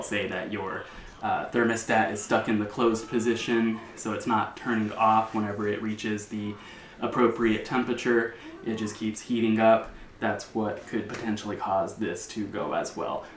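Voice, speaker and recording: A man's voice: fairly low pitch, slight background noise. A man casually explaining how he fixed his dryer, hesitant and full of fillers, at home by the machine. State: out of breath. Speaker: homeowner showing a repair. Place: home laundry area, indoors.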